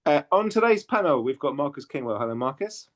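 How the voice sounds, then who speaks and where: A man's voice: fairly high pitch, sing-song, brisk, a bit bright. A man hosting a casual podcast chat, hesitant, with lots of ums and self-corrections. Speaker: podcast host.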